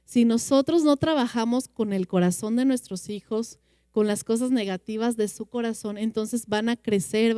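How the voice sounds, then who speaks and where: Woman, Mexican Spanish accent, earnest church teaching, mellow dark tone, smooth clear voice, dry close sound. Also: a little high, no echo. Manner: earnest, slows down for emphasis and acts out children's replies. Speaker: church parenting class teacher. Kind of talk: teaching talk with Bible quotes.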